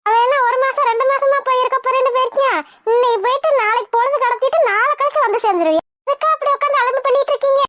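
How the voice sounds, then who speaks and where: A woman's voice: very high voice, very fast, background noise, voice pushed up. A woman voicing a cheeky comic woman in a cartoon, teasing and sarcastic.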